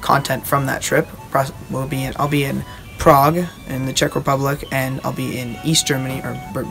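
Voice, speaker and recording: A young man giving a casual, halting show-and-tell as a video host, recorded outdoors at a short distance from the camera. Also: mid-range voice, level tone, gravelly, fairly bright tone, soft background music. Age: teenager or young adult. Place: outdoors on a wooden backyard deck.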